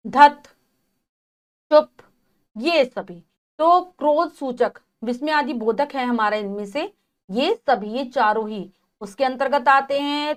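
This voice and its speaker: A woman teaching a grammar lesson to children, explaining step by step and addressing them directly. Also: high-pitched.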